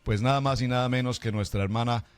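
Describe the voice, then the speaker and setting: Formal pastor hosting a radio show. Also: male voice, mid-range voice, fairly even intonation, clear, resonant tone. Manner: formal, warm greeting style, slow deliberate questions.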